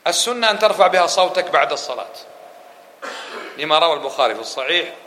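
A man teaching a religious lesson to a mosque audience, asking questions and answering them himself. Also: on the high side. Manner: fast, lively delivery that drops to quick murmured dhikr runs. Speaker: Islamic scholar teaching a lesson. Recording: echoey room with faint hum.

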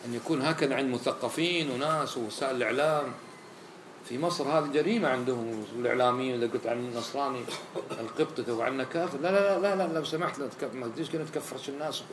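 A man preaching a sermon in an animated way, acting out the voices he quotes. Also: mid-range voice, fast talker, a little hiss or hum. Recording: roomy echo, faint ambience.

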